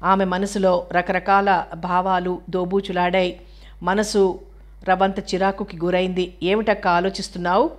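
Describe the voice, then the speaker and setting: A woman narrating a novel aloud in a steady, even storytelling manner. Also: lowish voice, unhurried. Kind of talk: audiobook novel reading.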